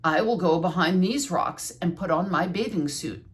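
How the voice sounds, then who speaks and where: A woman's voice: on the low side, normal speed, natural voice. A woman playing a fussy, grumpy storybook toad. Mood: self-conscious, firm. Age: older. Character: grumpy, self-conscious toad, male, slow and solid.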